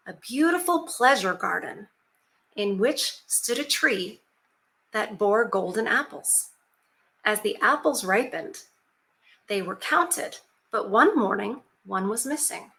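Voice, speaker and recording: For her YouTube channel, a woman reads a fairy tale aloud in a bright, sharp, somewhat creaky voice of medium pitch. She keeps it chatty, slipping casual asides and fillers in between steady stretches of narration.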